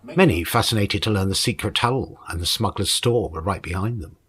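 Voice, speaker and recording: A man's voice: fairly low pitch, a little fast, a bit bright. A man giving scripted narration as a host, in a descriptive storytelling way. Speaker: narrator and ghost-hunt host.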